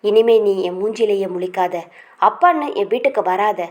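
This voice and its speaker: A woman's voice: mid-range voice, expressive, moderate pace, natural voice. A stern middle-aged father from a storybook, bitter and scolding as he cuts his daughter off, read out by a woman narrator. His words come down hard and heavy.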